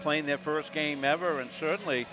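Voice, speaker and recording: A man's voice: fairly high pitch, normal speed. A man in his sixties from Massachusetts, calling a college basketball game courtside in a folksy, rambling way with lots of filler words. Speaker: play-by-play announcer. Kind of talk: live basketball commentary. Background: music.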